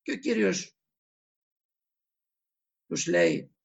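A male preacher delivers an impassioned sermon, acting out the voices he quotes. His voice sits unusually high for a man, with a gravelly, fry-laden edge. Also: animated, highs cut off.

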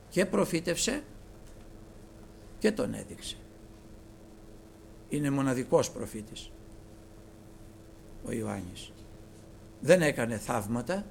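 A man preaching a sermon to his congregation with passion, dropping to a hush and then rising to loud exclamations. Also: medium pitch, vocal fry, a little hiss or hum. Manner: impassioned, swinging from hushed to loud.

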